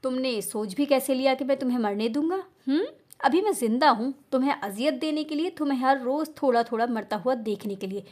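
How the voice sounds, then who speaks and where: A cruel young husband with a sneering, falsely sweet manner, as a woman storyteller puts him on in a storybook reading. The voice stays high and lively rather than deep, so the menace sits in the taunting tone. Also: a little fast, natural voice. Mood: mocking. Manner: taunting, falsely tender, flares into shouting. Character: cruel, mocking young husband who enjoys her pain.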